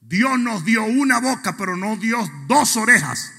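A male pastor preaching a sermon. He swings from quiet asides to shouted, sing-song preaching. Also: sits high, lively intonation, a little slow, creaky, slightly rough. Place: church sanctuary. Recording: long reverb of a church hall.

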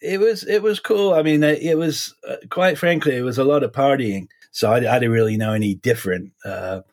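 A man in his forties with a slight Essex English accent softened by American years, chatting casually as an interview guest in halting, repetitive phrasing. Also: medium pitch. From suburbs of London, England (Essex), then Florida from age 12. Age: 40s. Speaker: guest, criminal defense lawyer.

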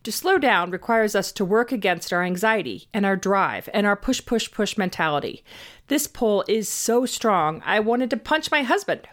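A woman's voice: mid-range voice, fairly bright tone. A woman host giving scripted self-help advice in an upbeat, orderly way, leaning on key words. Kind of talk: scripted advice narration, tips addressed to the listener.

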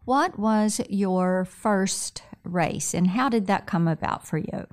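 A woman from Tennessee hosting an interview, who speaks in a measured, affirming way as she sets up her questions. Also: mid-range voice. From Tennessee, USA. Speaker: interview host.

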